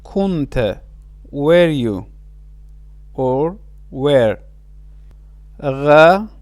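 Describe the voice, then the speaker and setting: A man leads a language lesson at a very slow, deliberate pace, repeating each word with care. His voice sits high and sounds smooth and clear. The recording is dry and close. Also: animated, no echo. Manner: slow, careful pronunciation with repeated words. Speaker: language teacher.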